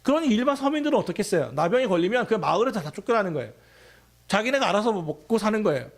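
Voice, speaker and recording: A man's voice: sits high, big pitch swings, racing, vocal fry. A man preaching a sermon as pastor of a church, talking conversationally and asking his listeners many questions.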